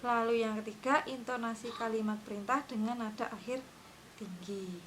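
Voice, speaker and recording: A woman teacher with a fairly high voice leads her class through the lesson in a patient way, stopping often to check that everyone can follow. Faint noise sits under her voice. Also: steady tone, normal speed.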